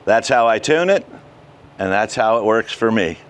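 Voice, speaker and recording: Filmed outdoors beside the patio and shed of a suburban backyard, this older ham radio vlogger walks viewers through things casually, one step at a time. A wireless mic clipped to his shirt captures a smooth, fairly low voice with lively intonation at a normal speed.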